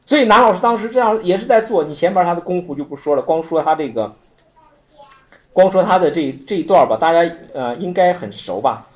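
A man giving an informal Buddhist teaching talk, telling stories in an animated way with many repetitions. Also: sits high, brisk. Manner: animated storytelling with frequent repetitions and acted-out quotes.

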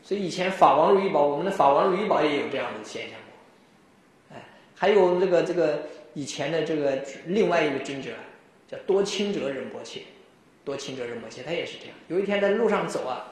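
A man giving a Buddhist dharma talk, telling stories in an animated way and often chuckling. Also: on the high side, fairly quick. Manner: animated storytelling, frequent chuckles. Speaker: Buddhist teacher. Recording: very echoey room.

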